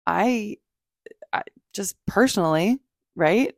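A podcast host with a mid-range, creaky, expressive voice takes it slowly as she talks unscripted about self-help in a gushing, emphatic, sweary way. The recording is dry and clean, studio quality.

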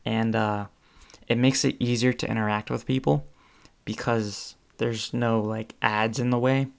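A young man hosts his own podcast alone, chatting casually and rambling with plenty of ums and restarts. His mid-range voice is gravelly yet clear and resonant, with a steady tone and a measured pace.

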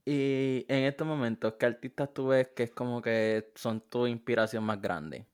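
A man's voice: medium pitch, normal speed, clear, resonant tone. Friendly male host. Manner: friendly, affirming with short backchannels. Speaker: podcast host. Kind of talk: casual interview.

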